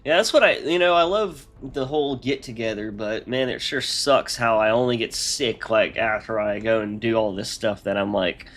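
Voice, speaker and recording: A man's voice: fairly low pitch, normal speed, few pauses, a bit bright. A man with a congested, nasal voice, chatting casually on a live stream as he rambles through his modding work aloud.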